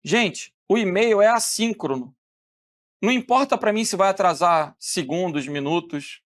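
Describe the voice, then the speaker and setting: A man from Rio de teaching a lively classroom lecture, asking the students questions and answering them himself. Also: high-pitched, a little slow. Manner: animated, asks questions and answers them, acts out phone calls.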